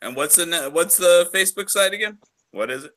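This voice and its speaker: A man's voice: high-pitched, brisk, fairly bright tone. A man co-hosting a casual podcast, teasing the others in a wry way. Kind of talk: casual chat.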